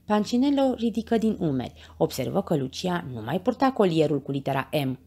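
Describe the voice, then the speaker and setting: A woman reading a children's bedtime story aloud, with expressive, animated narration. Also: lowish voice, breathy edge.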